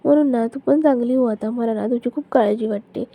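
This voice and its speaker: A woman's voice: a little high, fairly quick, creaky, dark tone. A woman voicing a caring older mother-in-law who soothes and coaxes. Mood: soothing. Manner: soothing, coaxing.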